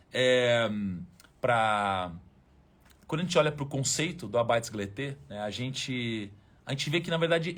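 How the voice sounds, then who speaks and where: A Brazilian-accented man giving a motivational talk to his live-stream audience. His voice is slightly high and husky, and his pitch swings widely as he leans into points. He speaks casually, with slang and swearing, and addresses viewers head-on. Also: fairly bright tone. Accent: Brazilian Portuguese.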